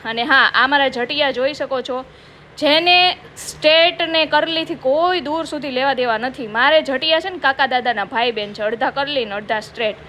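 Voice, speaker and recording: This is a high-pitched woman, joking her way through a makeup vlog. She mocks herself playfully and keeps calling out to her viewers, and a faint room ambience sits underneath her voice. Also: moderate pace, sharp tone, slight background noise. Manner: playful self-mocking, addresses viewers as guys. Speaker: comedy vlogger. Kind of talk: comic makeup vlog, chatty. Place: office.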